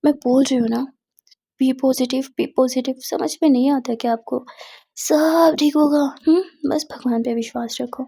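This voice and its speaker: A playful young woman who teases and soothes her partner, as a woman storyteller puts her on. Her voice is high and gravelly, with a dark, husky tone. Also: fairly even intonation, a little slow, full character voice. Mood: coaxing. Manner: teasing, coaxing. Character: playful, teasing young woman, calm and affectionate.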